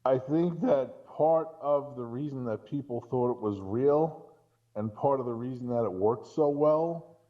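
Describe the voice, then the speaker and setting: This podcast guest and co-commentator has a mid-range male voice and a measured pace, heard through narrow, tinny audio. Chatting casually, he rambles and keeps making false starts.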